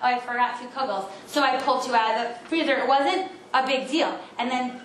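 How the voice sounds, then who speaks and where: A woman in her thirties giving an informal class to a group of women, telling stories in a chatty way with quick asides. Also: high-pitched. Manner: chatty storytelling, fast asides, self-interrupting. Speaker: class speaker. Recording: roomy echo with faint background noise.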